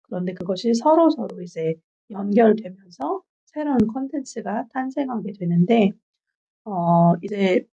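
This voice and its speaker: A woman in her forties giving a measured, reflective book review from her notes, pausing often on filler sounds. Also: medium pitch, mellow, breathy edge. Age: 40s. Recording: dull lo-fi recording.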